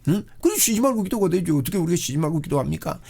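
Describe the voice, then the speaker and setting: Fervent gravelly male pastor preaching. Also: on the high side, animated, very fast, darkish tone. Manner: fervent, rises into cries of "주여". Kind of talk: sermon.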